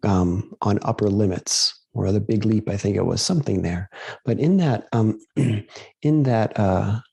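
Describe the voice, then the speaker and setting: Husky-voiced man, loose and rambling. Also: on the low side, measured pace, mellow, dry recording. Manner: rambling, many fillers and restarts. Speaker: meditation guide. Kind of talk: casual spoken reflection.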